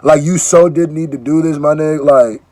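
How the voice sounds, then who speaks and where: Hosting a casual YouTube reaction video, a Nigerian-raised man talks a little fast at a fairly high pitch, with no room sound. He stays animated throughout, joking and jumping in often.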